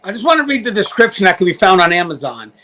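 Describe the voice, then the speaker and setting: Quick-paced and sharp-toned, this man hosts an interview show in a high-pitched voice full of big pitch swings. He addresses both his audience and his guests, moving through a sponsor read and interview questions with upbeat energy.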